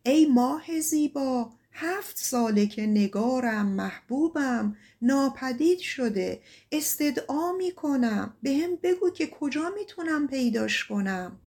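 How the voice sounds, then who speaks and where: A woman's voice: high voice, animated, hardly any pauses, darkish tone. A woman voicing a brave young male shepherd in a folk tale, pleading earnestly in a raised voice.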